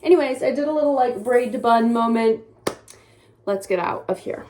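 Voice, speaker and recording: A woman's voice: a little high, moderate pace, darkish tone. A young adult woman and mom, talking casually to the camera in a rambling way, with lots of "like". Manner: chatty, rambling, heavy use of "like". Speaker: mom vlogger. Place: parked car. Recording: car and road noise behind.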